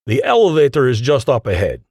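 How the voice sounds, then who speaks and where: A man's voice: mid-range voice, wildly swooping pitch, a little fast, darkish tone, husky, no echo, clean studio sound, pitched above the performer's own voice, exaggerated voice. A man voicing a courteous Russian scientist in his mid-fifties, speaking formally with a heavy Russian accent. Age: 50s.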